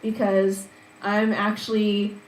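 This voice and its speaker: A woman's voice: medium pitch, completely flat delivery, slow pace, a little hiss or hum. A young woman from Washington State, chatting casually and a little shyly before her open mic set on a live stream, heard through her laptop microphone. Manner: chatty, laughs easily, soft-spoken intro. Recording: echoey room on a laptop stream.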